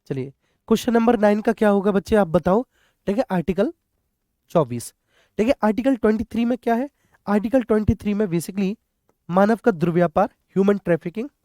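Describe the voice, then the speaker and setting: A high-pitched man with a dark tone talks a little fast, with no echo on the recording. It's a question-and-answer exam lesson where he speaks directly to students, uses check-in phrases, repeats key points instructively, and mixes in English terms.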